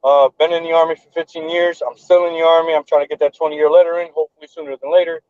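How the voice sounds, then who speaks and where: A man's voice: fairly high pitch, flat delivery, very fast, darkish tone, clear, resonant tone, no echo, lo-fi sound. A man in his thirties hosting a podcast over a remote call, talking casually and earnestly, repeating phrases as he builds a point. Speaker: podcast host and event organizer. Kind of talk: casual chat.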